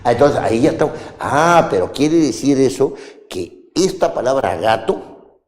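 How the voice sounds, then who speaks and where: A man lecturing a classroom with a lively, rising and falling delivery. His tone is dark and mellow, and a long reverb from the room trails after his words. He keeps stopping to ask his students if they follow. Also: mid-range voice, a little slow. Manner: questioning, checks understanding with "¿no es cierto?". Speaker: law school instructor.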